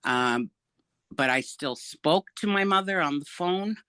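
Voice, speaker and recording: Frank older woman with a bright voice. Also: deep voice, expressive, measured pace, clean tone, dry recording. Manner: frank and emphatic, with wry laughs. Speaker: guest. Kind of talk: candid interview about family.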